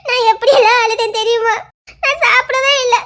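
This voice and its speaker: A woman's voice: very high voice, fairly even intonation, a little fast, a bit bright. A woman playing a heartbroken, stubborn young woman who pleads and reproaches her lover through tears. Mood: tearful. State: crying. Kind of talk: screen drama acting.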